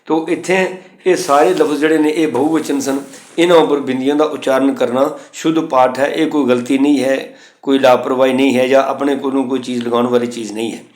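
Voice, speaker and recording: A man with a Punjabi accent giving a step-by-step lesson on pronouncing scripture, reciting each line slowly and then explaining it methodically. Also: medium pitch, steady tone, a little mellow, reverberant. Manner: patient, methodical, repeats words and rules. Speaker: Gurbani pronunciation teacher.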